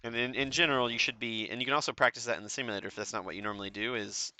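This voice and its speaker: A man's voice: medium pitch, fairly even intonation, very fast, sharp tone. A man in casual voice chat, coaching another player through a raid in a laid-back way, swearing and laughing often. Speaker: raid carry host. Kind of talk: casual voice chat while gaming.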